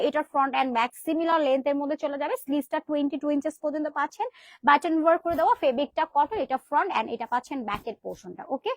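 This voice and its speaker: A woman's voice: sits high, no room sound. A young woman with a Bangladeshi accent presenting clothes on a live sales stream, chatty and sprinkling in English words. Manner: chatty, mixes in English words, calls viewers "sister".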